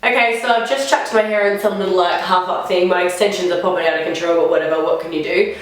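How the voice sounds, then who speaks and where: A young female beauty vlogger chats casually while giving first impressions of makeup she's trying on, rambling and stuffing her talk with "like." Her voice is on the low side, steady, and fast, a bit nasal from the flu. The room is very echoey.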